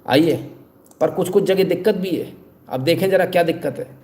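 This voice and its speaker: A man's voice: on the high side, normal speed, darkish tone. A man hosting live news commentary, talking straight to viewers with sarcastic, rhetorical questions.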